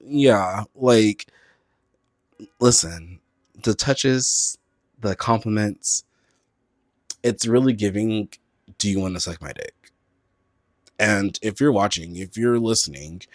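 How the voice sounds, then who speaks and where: A campy man hosts his podcast alone on a close mic. His voice leaps from high squeals to low murmurs, and the dry, close sound has almost no room in it. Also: dry recording. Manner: campy, playful, swings between loud squeals and low murmurs. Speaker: podcast host. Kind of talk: solo podcast monologue.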